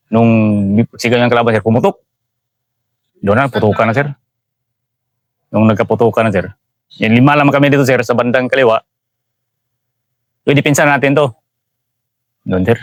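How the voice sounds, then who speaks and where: A man's voice: mid-range voice, no room sound, clean studio sound. A Filipino man, a soldier, recounting a combat ambush in an interview, respectfully adding "sir" to nearly every phrase. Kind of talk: interview storytelling.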